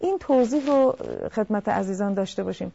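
A woman counselor talks through family communication in a calm, explanatory way, turning now and then to speak straight to the listeners. Her voice is mellow and warm, and the broadcast sound is dull and lo-fi. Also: medium pitch, vocal fry, slightly rough. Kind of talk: talk-show advice.

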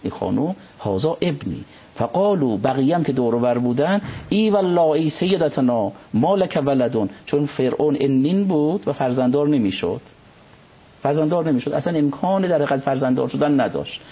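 A man, a religious scholar, reciting Arabic passages and explaining them in an unhurried conversational commentary. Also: a little high, animated, slightly rough. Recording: dull lo-fi recording.

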